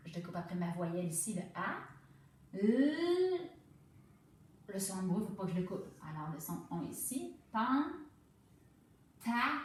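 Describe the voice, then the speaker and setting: A woman's voice: on the low side, darkish tone, far from the mic, a little hiss or hum. A woman with a Quebec French accent teaching young children to read, patiently sounding out words. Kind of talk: reading lesson for young children. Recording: very echoey room, away from the mic.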